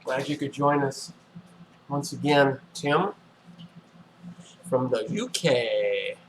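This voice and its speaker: A man hosting a casual livestream, thinking aloud in a relaxed, musing way with many fillers. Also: medium pitch, slow, slight background noise, rough recording. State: relaxed and yawning. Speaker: livestream host.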